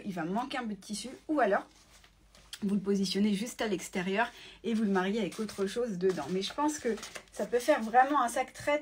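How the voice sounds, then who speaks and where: A woman hosts a casual live stream from her phone, talking fast and chatty as she answers viewer comments. Her voice sits a little high and has a husky edge. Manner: chatty and quick, reads viewer comments aloud. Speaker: sewing shop owner hosting a live giveaway. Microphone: phone in selfie mode.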